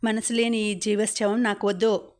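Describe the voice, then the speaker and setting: A woman's voice: medium pitch, flat delivery, moderate pace, close to an everyday voice. A woman voicing a sincere young man who speaks plainly and earnestly in an audiobook. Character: young man, sincere, soft-spoken groom.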